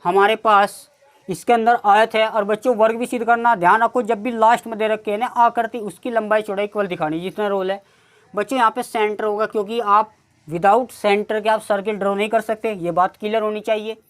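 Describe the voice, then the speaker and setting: A woman's voice: mid-range voice, steady tone. A woman with a North Indian accent teaching a maths lesson step by step, often addressing her students as children. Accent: Hindi-speaking North Indian. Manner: keeps addressing the class as "children", repeats steps slowly.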